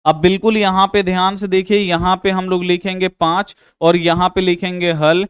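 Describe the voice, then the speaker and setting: Male math tutor, high clean voice, patient and repetitive, dry close recording. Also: little pitch movement, normal speed, a bit bright, clear, resonant tone, no echo. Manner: patient and repetitive, calls students "babu". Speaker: math teacher. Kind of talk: explaining a class 10 math exercise.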